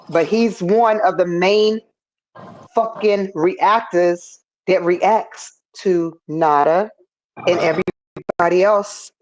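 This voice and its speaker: A woman's voice: mid-range voice, a little hiss or hum, rough recording. A woman hosting a livestream podcast, blunt, profane and mocking in her talk. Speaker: livestream host. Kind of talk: heated livestream discussion.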